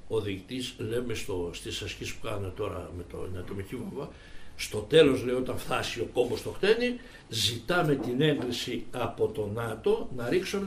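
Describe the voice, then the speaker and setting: An older man spins army anecdotes in an animated way, his voice climbing high and dropping low. He acts out the loud parts of his own stories. The talk is caught in a roomy, echoing space with a faint hum behind it. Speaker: retired army commander telling stories.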